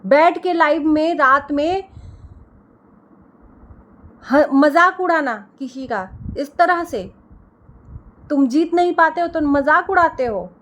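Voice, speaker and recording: Indignant woman vlogger with a high voice, scolds hard and hammers her points by repeating them. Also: slow, long pauses, fairly bright tone. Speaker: reaction video creator. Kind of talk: heated reaction rant.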